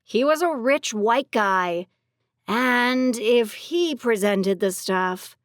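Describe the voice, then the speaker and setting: A woman's voice: on the high side, expressive, slow pace, no echo, studio quality. A woman voicing foul-mouthed street bounty hunters. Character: rough-talking women bounty hunters. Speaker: voice actor for three women characters. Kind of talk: audiobook character dialogue.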